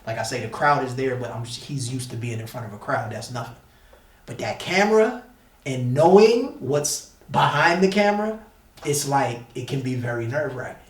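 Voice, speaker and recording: In an echoey room picked up by a distant mic, a U.S. man with a mid-range voice speaks at a moderate pace with lively intonation. He's a battle rapper guesting on an interview, casually telling a story with slang, emphasis and plenty of repetition.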